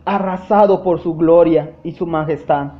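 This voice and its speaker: A man's voice: fairly high pitch, fairly even intonation, a little slow, reverberant, muffled recording. A man preaching a sermon as pastor, with an impassioned delivery that keeps addressing the congregation directly. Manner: impassioned preaching, often calling out "hermanos". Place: church.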